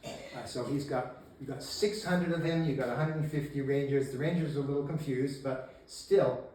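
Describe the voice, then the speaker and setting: In a meeting room full of listeners, a man recounts local history in a casual lecture at a moderate pace and medium pitch. He animates the tale by shouting quoted lines and laughing a lot. The audio is echoey with faint noise, taken from a camera placed far away.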